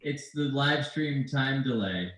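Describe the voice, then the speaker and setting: A man speaks slowly and patiently as a livestream host. His words come back a beat late as a faint, distant echo through the call, quieter than the original. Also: mid-range voice, expressive, a little hiss or hum. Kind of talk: hosting a video-call Q&A. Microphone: video call.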